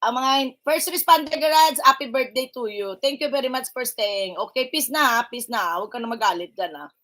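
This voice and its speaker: A woman's voice: on the high side, normal speed, fairly bright tone. A woman hosting a casual livestream, teasing and bantering with her viewers and mixing in English phrases. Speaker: livestream vlogger greeting viewers. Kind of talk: casual live-stream chat.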